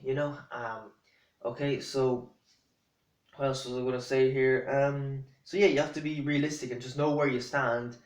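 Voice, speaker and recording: A man's voice: medium pitch, flat delivery, moderate pace. Rambling young-sounding man in an echoey room. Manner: rambling, many fillers and restarts, blunt. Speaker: vlogger. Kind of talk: casual rant to camera.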